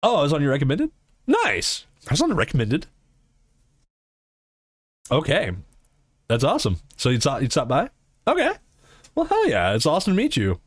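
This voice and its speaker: A man's voice: on the high side, wildly swooping pitch, moderate pace, pauses often, husky, dry recording, studio quality. A man streaming live, chatting casually and answering his chat in a rambling, swearing way.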